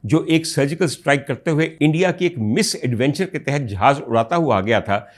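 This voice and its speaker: "Ladies and gentlemen," begins a man with a Pakistani Urdu accent and a mid-range voice, hosting a show of political commentary. His rhetorical speech to the audience gradually escalates into loud, indignant outbursts.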